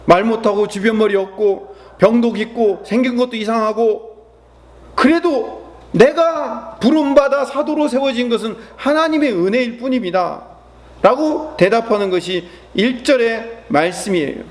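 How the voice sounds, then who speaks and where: A man's voice: very high voice, moderate pace. A man preaching at an early-morning prayer service, earnest and full of rhetorical questions. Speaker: pastor. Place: church.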